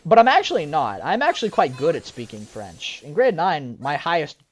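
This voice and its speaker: A young woman gaming streamer with a low voice, big pitch swings and a brisk pace chats casually over gameplay. She rambles and puts herself down, using lots of fillers and restarting sentences.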